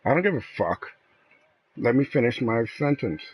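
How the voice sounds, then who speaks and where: A man's voice: medium pitch, very animated, moderate pace, lo-fi sound, slight background noise. A man streaming a game who argues with a friend in casual banter, mocking him and swearing freely. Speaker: gaming streamer.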